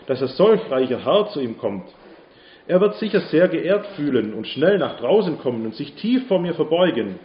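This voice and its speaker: A man narrating a Bible story for children in a lively, expressive way, in a dull, roomy recording with faint hiss. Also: medium pitch.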